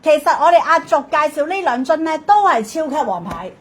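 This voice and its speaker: A woman with a Hong Kong Cantonese accent hosting a live hard-sell shopping pitch, insistent and repetitive, often checking in with questions. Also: very animated, a little fast.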